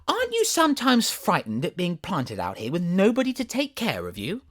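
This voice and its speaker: A polite, timid little girl, voiced by a storyteller with a lifted, soft voice. She asks questions gently and curiously, her tone rising and falling. Storybook reading. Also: mid-range voice, huge pitch swings, normal speed, pitched above the performer's own voice.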